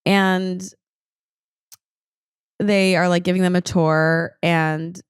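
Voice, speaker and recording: Casual podcast co-host, woman, lower voice, dry studio sound, rambling recap. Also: level tone, slow, smooth, no room sound. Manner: rambling recap with many likes and acted quotes. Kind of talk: casual chat.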